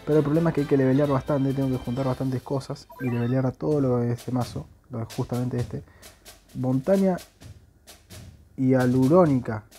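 A man's voice: mid-range voice, moderate pace, mellow, soft background music. A young man with an Argentine accent giving joking, slangy commentary while playing a video game. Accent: Argentine Spanish. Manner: joking, crude slang banter. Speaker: gaming YouTuber. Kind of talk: gameplay commentary.

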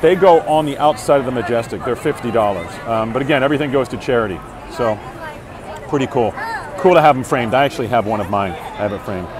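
Talking fast and expressively in a medium-pitched voice, this forties-aged Broadway actor streams live from a street fair, chatting casually and cheerfully with viewers, fillers everywhere. It's a crowded outdoor city street with crowd noise around. He uses an earbud headset mic, holding his phone at arm's length.

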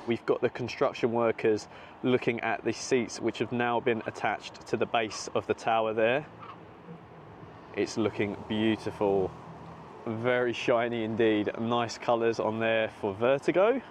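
Unhurried and steady in tone, with a lowish voice, a twenty-something British theme park vlogger presents an update to camera outdoors by a seaside amusement park. A small clip-on mic on his jacket picks him up as he films at arm's length, with slight background noise.

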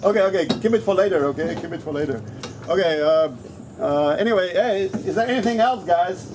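A middle-aged man from Africa speaks fairly quickly in a high-pitched voice with a darkish tone, chatting casually to camera as a teacher and repeating words for emphasis. He teaches and trains in English, his third language, and vlogs from an open-sided resto-inn in the Philippines, where noisy open-air ambience fills the background.

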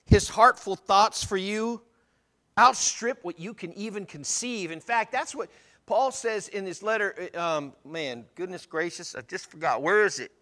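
A male pastor preaching a sermon, moving between quiet, low reading of scripture and loud, emphatic passages, talking loosely and sometimes losing his place. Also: a little slow. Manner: unscripted, loses his place and asks the congregation.

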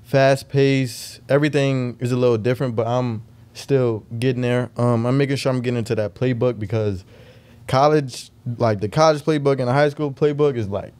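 A young man speaks in a medium-pitched voice, pausing often with fillers as he answers questions. He stays polite and respectful while talking about himself, and gets livelier when teasing about family rivalries. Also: fairly even intonation, a little mellow, clear, resonant tone. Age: young adult. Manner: hesitant, many fillers, polite "yes sir". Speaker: guest athlete. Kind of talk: casual interview.

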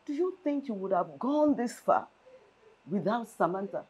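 A woman's voice: mid-range voice, sing-song, normal speed, darkish tone, husky. An actress with a Nigerian accent playing a stern, protective mother who scolds her son in a film drama. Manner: scolding, authoritative. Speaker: mother confronting her son over his divorce. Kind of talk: Nollywood film acting.

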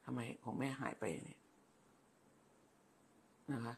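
A woman's voice: slow, darkish tone. An older woman hosting a casual livestream, chatting in a motherly way, calling viewers "child" and thanking them by name. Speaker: livestream host.

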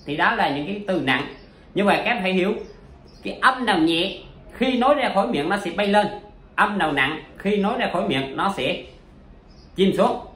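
A man's voice: sits high, expressive, moderate pace, long pauses, fairly bright tone, echoey room. A man teaching poetry in a chatty, casual way, full of examples and fillers. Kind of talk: casual spoken lesson.

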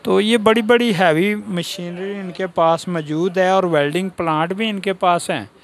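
A man's voice: sits high, moderate pace. A man in his thirties with a Pakistani Urdu accent, filming a casual walking tour of a tool shop and asking about prices. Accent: Pakistani Punjabi-inflected Urdu. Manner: casual, points things out and asks prices. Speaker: vlogger. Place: indoor tool shop in a market.

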